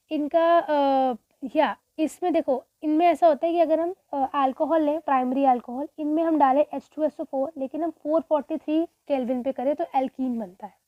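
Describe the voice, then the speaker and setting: High-voiced woman teaching chemistry revision. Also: dry recording, muffled recording. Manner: asks and answers own questions, repeats key terms; mixes Hindi with English phrases. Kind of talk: exam revision lecture.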